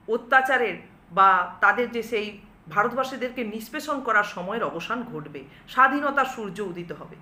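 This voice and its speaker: A woman's voice: high voice, bright, forceful tone, reverberant. A woman teacher with a West Bengal Bengali accent explaining a poem to students step by step, asking and answering her own questions.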